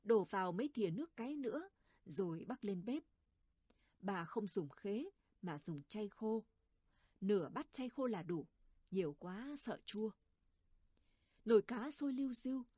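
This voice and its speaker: Mellow-voiced woman narrating a story. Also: medium pitch, no room sound, clean studio sound.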